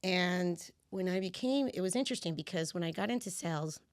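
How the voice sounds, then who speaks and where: Here the guest is a coach for women's empowerment who grew up in the US with Cuban parents, Spanish being her first language. She talks fairly quickly in a fairly low voice, animatedly recounting her story in a casual interview and voicing how she used to react. It's a dry, studio-quality recording.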